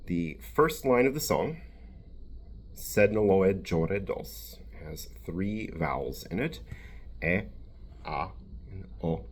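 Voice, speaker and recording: A man who grew up in Bulgaria, a piano teacher and vocal coach, explaining pronunciation slowly and carefully in a tutorial. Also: sits low, expressive, a little mellow.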